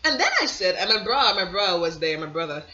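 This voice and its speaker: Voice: medium pitch, very animated, a little fast, pushed and bright, slight background noise. Rambling, preachy vlogger. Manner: rambling and digressive, with many restarts and asides; emphatic preachy slang, "let me break it down". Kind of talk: casual vlog monologue. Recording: dull lo-fi audio.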